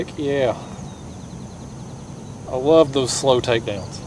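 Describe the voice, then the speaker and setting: A young man, talking excitedly and laughing often while he fishes from a kayak on a river, recorded on a mounted action camera. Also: medium pitch, takes it slowly, noisy background. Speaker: fishing vlogger. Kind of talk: casual outdoor fishing commentary.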